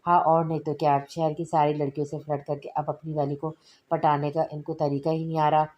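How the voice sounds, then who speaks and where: A woman's voice: low voice, flat delivery, brisk, highs cut off, close to an everyday voice. A woman reading aloud voicing a teasing, cheeky young man in a novel. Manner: playful, mocking banter.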